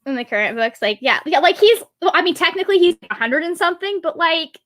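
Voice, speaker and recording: 30s woman hosting a video call chat, bright voice, bounces around a lot in pitch. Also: quick pace, no room sound. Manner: animated, laughs often. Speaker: livestream host. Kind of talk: casual chat.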